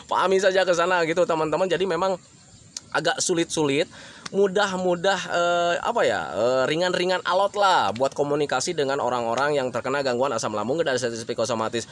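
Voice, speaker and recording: A man with a high voice talks casually, giving advice straight to his listeners and calling them friends. He uses lots of fillers and acts out short example phrases. A faint background ambience runs under his voice. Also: fairly quick, slight background noise. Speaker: health talk presenter.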